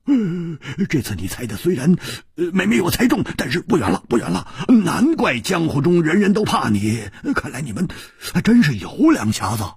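A man's voice: on the high side, very animated, moderate pace, creaky, hardly any pauses, breathy edge, no room sound, clean studio sound, voice pushed up, heavily acted. A man voicing a brash, jovial young male swordsman who stammers and chuckles. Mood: jovial teasing.

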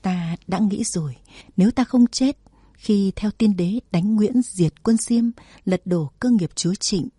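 Fearless lady general of old, solemn and defiant, husky dark voice, as a woman narrator puts her on. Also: medium pitch, a little slow, no echo, clean studio sound. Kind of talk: storybook narration.

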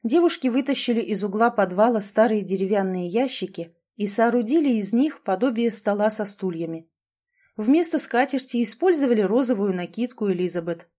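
A woman's voice: mid-range voice, expressive, brisk, warm tone. A woman narrating a fantasy storybook aloud. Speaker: audiobook narrator.

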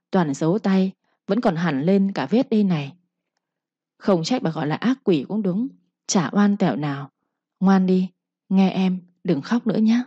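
A woman voicing a loyal old nanny who talks in a brisk, soothing and deferential way, in a storybook reading. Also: medium pitch, dark tone, husky, no room sound, lo-fi sound.

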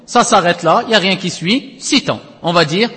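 Speaking forcefully in a large hall, a man with a high, bright voice and normal speed instructs a class on Quranic recitation. He goes step by step, checks comprehension through frequent tag questions, and chants letters at length.

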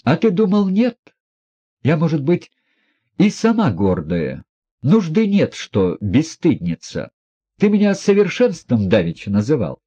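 A man's voice: fairly high pitch, huge pitch swings, unhurried, warm tone, breathy edge, pitched above the performer's own voice, exaggerated voice. A man voicing a proud, bitter young woman. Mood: bitter mocking. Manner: mocking, defiant. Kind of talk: audiobook character reading.

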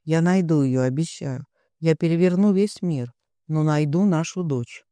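A man reading an audiobook, voicing a shaken older father who speaks low, muffled and trembling. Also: measured pace, mellow, dry recording. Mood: soothing.

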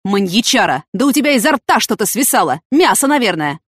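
A woman voicing a loud, mocking male police lieutenant who shouts accusations. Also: mid-range voice, sing-song, fairly quick, breathy edge, dry recording, clean studio sound, voice pushed up. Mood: mocking, shouting.

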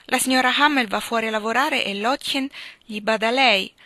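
A woman voicing a gentle, sickly young girl who speaks softly and earnestly. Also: a little high, moderate pace, dry recording, pitched above the performer's own voice.

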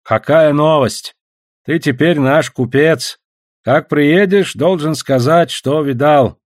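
A man voicing an old native elder who asks questions slowly in broken, pidgin-like speech. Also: fairly high pitch, dry recording, clean studio sound, voice pushed up. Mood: curious. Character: old native elder Khagota, slow and curious.

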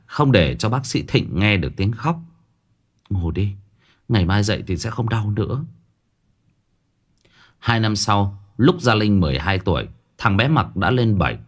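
A man narrating a horror story in an expressive, dramatic storytelling style. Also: lowish voice.

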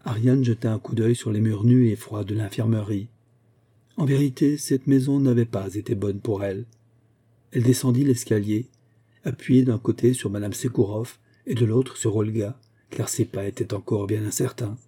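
Male audiobook narrator with a very dark, husky voice and a steady literary delivery. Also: lowish voice, normal speed. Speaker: audiobook reader. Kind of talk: scripted narration.

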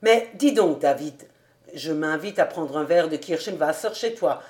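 A woman's voice: expressive, measured pace, a little mellow. A woman voicing a jovial, good-humoured man who banters with his old friend, in an audiobook reading. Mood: warm. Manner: low, easygoing, bantering.

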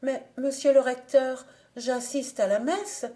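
A woman voicing a timid young village woman who speaks in anxious, pleading tones, higher than her own voice. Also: steady tone, slow pace, dark tone. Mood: distressed. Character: Marie Cornic, young woman, timid and bewildered.

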